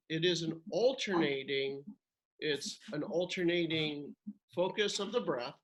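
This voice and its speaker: A man with a slightly high voice works as a breathing instructor. He gives short, measured directions at a very unhurried pace and leaves pauses between them. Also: low-quality recording.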